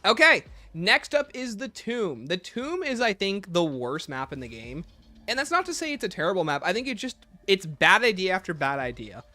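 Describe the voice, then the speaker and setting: A man's voice: sits high, sharp tone, no room sound. A man hosting a livestream, giving opinionated casual commentary and answering chat messages aloud. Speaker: livestream host.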